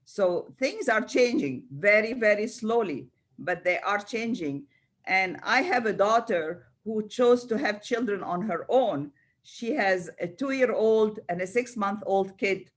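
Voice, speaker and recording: An older woman from Cairo, Egypt, speaks spontaneously as a round table panellist, often repeating words and restarting. Her medium-pitched voice has lively intonation and an unhurried pace.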